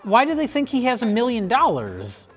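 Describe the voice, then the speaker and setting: A man's voice: extremely high pitch, huge pitch swings, moderate pace, breathy edge. A man casually and comically questioning a film in a panel discussion. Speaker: show panelist. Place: indoor studio panel.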